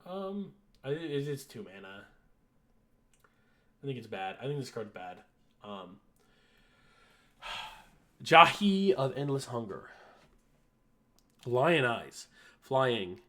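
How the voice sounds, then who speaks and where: A man's voice: medium pitch, sing-song, takes it slowly, long pauses, fairly bright tone. A man going through a card list in casual commentary, reading rules text and reacting in an offhand, dry way. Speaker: card reviewer.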